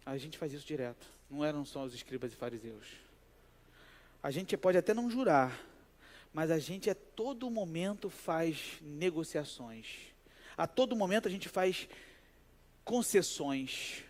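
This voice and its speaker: A pastor delivers a sermon, his voice sitting high for a man. He preaches in a lively, conversational way and weaves personal stories into the message. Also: a little slow. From Brazil.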